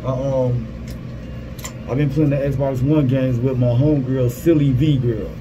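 A man's voice: medium pitch, fairly even intonation, a little slow. A man in his thirties giving a casual vlog update through a cloth face mask, slightly muffled, informal and repeating his phrases. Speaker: gaming content creator. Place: small security guard booth. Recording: clear vehicle and ambient background noise.

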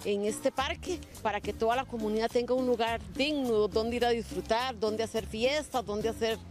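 A woman's voice: on the high side, moderate pace. A Costa Rican woman in her fifties, a neighborhood resident explaining things casually to a reporter outdoors, with some restarts. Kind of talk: casual interview. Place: outdoors in a park. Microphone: handheld reporter mic. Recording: music bed behind.

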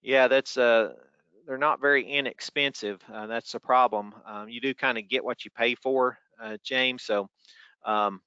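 A man's voice: mid-range voice, steady tone, unhurried, bright, forceful tone, smooth, no echo, highs cut off. A man with a Tennessee accent answering questions informally as a trainer in an online session, conversational and folksy. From Tennessee, United States. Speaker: weather spotter trainer.

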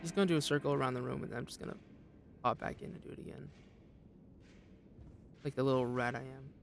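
Jittery young male gamer with gravelly voice. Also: quick pace. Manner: jittery, laughing, mimics enemies in high voices. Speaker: streamer. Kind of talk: casual gameplay commentary.

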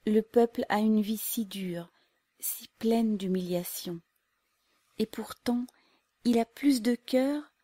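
A woman reading the part of a weary, humble older mother in a storybook, speaking softly and quietly. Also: medium pitch, no echo.

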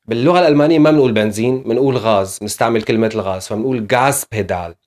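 A man's voice: mid-range voice, racing, a little mellow. A man teaching German in a casual video lesson, explaining step by step with frequent fillers.

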